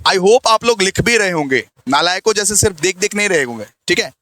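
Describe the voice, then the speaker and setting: High bright-voiced male teacher. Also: animated, a little fast. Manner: repetitive, teasing, sing-song call-and-response with himself. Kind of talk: playful accounting lecture.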